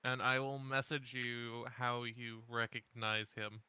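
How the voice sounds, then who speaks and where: A man narrating as dungeon master, in a relaxed way with frequent fillers. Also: mid-range voice, a little slow, clear, resonant tone, no room sound, dull audio. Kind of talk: narrating a tabletop game.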